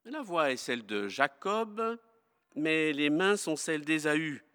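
A man reading the lines of old Isaac, a blind father, solemn and measured in tone. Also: fairly high pitch, expressive, sharp tone, clear, resonant tone, voice pushed up, full character voice. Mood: doubting. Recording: long hall reverb.

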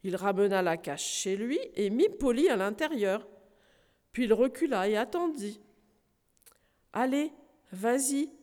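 A woman preaching who reads a storybook aloud slowly and expressively to a congregation in a church hall. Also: medium pitch. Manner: slow, expressive reading. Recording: reverberant hall.

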